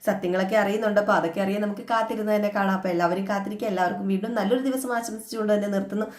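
A woman's voice: medium pitch, steady tone, rapid-fire, darkish tone. Chatty woman recapping an episode. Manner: chatty, acts out the dialogue. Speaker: serial recap vlogger. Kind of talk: casual episode retelling. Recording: echoey room.

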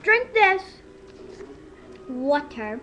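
A woman voicing a brisk, deadpan toy doctor, recorded on a webcam. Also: sits high, dull audio, heavily acted.

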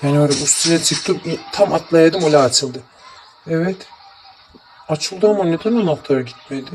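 A man's voice: fairly high pitch, normal speed, a little hiss or hum, low-quality recording. A man commentating his gameplay casually, grumbling and muttering to himself and his viewers. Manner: grumbling, talks to the game and viewers, mutters oaths. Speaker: gameplay streamer. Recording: game music playing behind.

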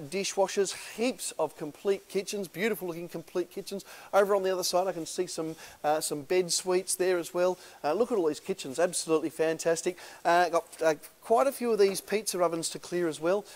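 A man's voice: high voice, fairly even intonation, normal speed, a little mellow. A man in his thirties with an Australian accent, an auctioneer giving a casual, upbeat sales walkthrough of a large indoor warehouse, with lots of filler "uh"s.

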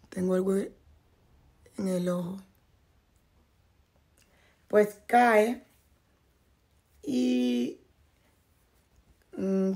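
Hoarse, gravelly-voiced woman unboxing clothes. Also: mid-range voice, a little mellow. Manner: chatty, talks straight to viewers. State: hoarse, losing her voice. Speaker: fashion vlogger. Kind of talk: casual clothing haul unboxing. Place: at home, in a bathrobe.

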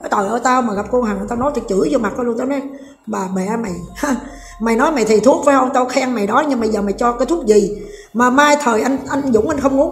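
A middle-aged woman ranting in heated, blunt commentary, scolding her listener with rough familiar talk. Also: high-pitched. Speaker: online commentator. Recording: echoey roomy recording with faint music.

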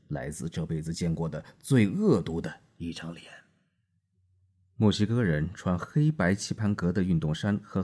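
A man's voice: deep voice, warm tone, husky. A man narrating a hard-boiled novel in the first person with a dry delivery. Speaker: audiobook narrator.

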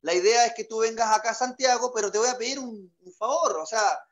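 A male comedian with a Chilean Magallanes accent, telling a comic story. His voice sits very high for a man, and he talks in a chatty way, full of crude slang and boastful jokes. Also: brisk.

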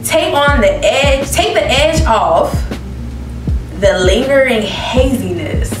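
In a living room full of plants, a young woman who vlogs about beauty reviews perfumes on camera, reading out the descriptions and reacting with laughter in a casual, expressive way. She speaks slowly in a high register. The recording is made from a distance, with roomy echo and background music.

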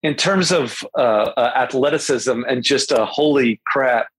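A man with a husky, slightly breathy voice hosts a casual sports podcast. He talks in a chatty way and restarts his sentences often. The sound is dry and close. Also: mid-range voice, unhurried, fairly bright tone, no echo, rough recording. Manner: chatty, many restarts and fillers. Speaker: podcast host.

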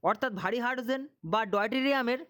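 A man's voice: very high-pitched, fairly even intonation, very fast, fairly bright tone, smooth. A man teaching an exam-prep lesson, drilling questions and answers and repeating himself to check students follow.

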